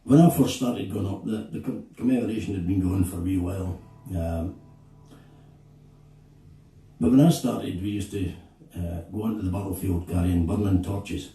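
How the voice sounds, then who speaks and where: A Scottish man, a singer-songwriter, telling a story between songs at a live gig in a slow, halting, reflective way. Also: low voice, dark tone. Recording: echoey room, distant mic, guitar behind.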